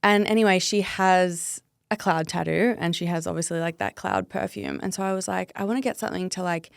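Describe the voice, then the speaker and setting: A woman's voice: fairly low pitch, steady tone, a little fast, vocal fry, clean tone, dry recording, studio quality. An Australian woman in her thirties from Melbourne, chatting openly as a podcast guest and saying 'like' a lot. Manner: chatty, open, uses 'like' often. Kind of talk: casual interview chat.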